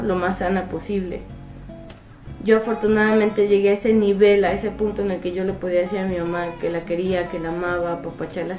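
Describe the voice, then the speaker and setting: Soft-spoken Mexican woman in a roomy room. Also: medium pitch. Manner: soft, reflective, trails off quietly. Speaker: vlogger. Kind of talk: casual heartfelt advice to camera. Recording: roomy room with faint guitar music.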